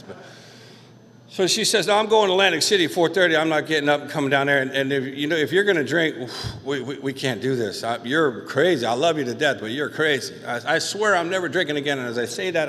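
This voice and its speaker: A man's voice: mid-range voice, fairly bright tone. A man with a New Jersey accent giving a recovery testimony from the pulpit, telling his story and acting out the voices of the people in it. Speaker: guest speaker. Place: church hall. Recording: long hall reverb.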